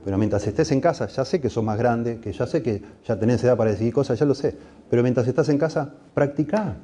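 A man's voice: fast, dark tone. A middle-aged man with a Rioplatense Spanish accent preaching a sermon, earnest and pleading, his voice rising for emphasis. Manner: earnest, pleading, rises in pitch and volume for emphasis. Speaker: pastor.

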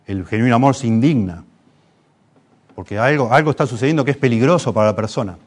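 A man's voice: mid-range voice, quick pace. Impassioned Rioplatense preacher, man. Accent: Rioplatense Spanish. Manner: impassioned, rising emphasis with frequent restarts. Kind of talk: sermon.

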